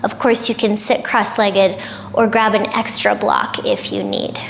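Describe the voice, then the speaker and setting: A woman yoga teacher giving calm, gentle guided instruction for a short flow, with soft breathy asides. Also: medium pitch, unhurried, slight background noise.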